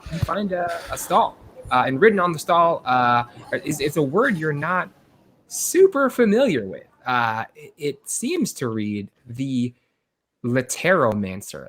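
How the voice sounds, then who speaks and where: A man narrating a tabletop game as game master, in halting, measured phrases. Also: medium pitch, very animated, a bit bright.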